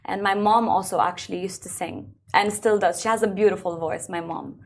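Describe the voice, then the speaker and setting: A young adult woman who grew up in Belgium, a singer talking about her life in a relaxed, chatty interview, full of filler words. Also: mid-range voice, a little fast, slight background noise. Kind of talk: casual interview conversation.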